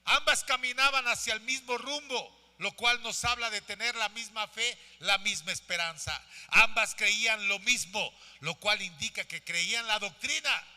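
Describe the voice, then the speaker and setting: High, bright-voiced preaching pastor. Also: male voice, normal speed, few pauses. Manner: preaching with rising fervor and calls to the congregation. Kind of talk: sermon. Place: church sanctuary. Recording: long church hall reverb.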